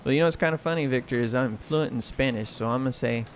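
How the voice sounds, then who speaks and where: An American man with a mid-pitched voice hosts a casual gaming livestream. He comments loosely as he plays, with clear game noise and button clatter behind him. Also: fast. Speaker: livestream host and gamer. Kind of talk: casual live commentary while playing. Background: video game sound and clacking arcade buttons.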